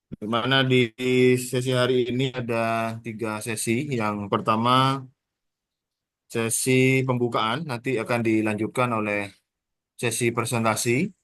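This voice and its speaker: Guy running a thesis exam over a video call, formal and orderly, some eh pauses, mid pitch, dry sound. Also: steady tone, a bit bright, no echo. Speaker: thesis examiner. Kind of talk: formal moderation of an online exam.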